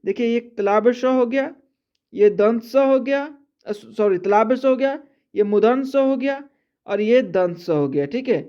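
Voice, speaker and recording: A man's voice: extremely high pitch, animated, measured pace. Guy teaching letters step by step, keeps checking in, kinda muffled lo-fi audio. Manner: repeats "theek hai" constantly, patient step-by-step teaching. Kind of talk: slow classroom explanation. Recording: dull lo-fi sound.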